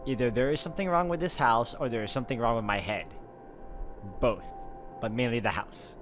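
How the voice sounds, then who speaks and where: A man playing a video game reads a visual novel's narration aloud dramatically, throwing in sarcastic asides. His voice is mid-range and brisk, with a noisy background.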